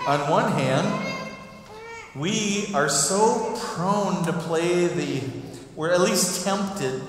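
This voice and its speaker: A middle-aged man preaching a sermon as pastor in a conversational way, asking the congregation questions, recorded in a church sanctuary from far off. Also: on the high side. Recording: echoey hall from far off.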